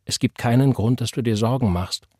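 A man's voice: mid-range voice, fairly quick, dark tone, no echo, clean studio sound, natural voice. A man reading an audiobook, voicing a defiant young woman who speaks firmly and coldly to her family. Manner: firm, cold. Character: young woman, defiant daughter leaving home.

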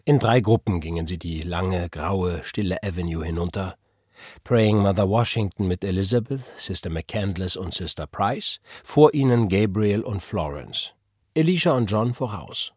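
A man giving measured, solemn audiobook narration into a close mic. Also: low voice, expressive, darkish tone, husky, no echo.

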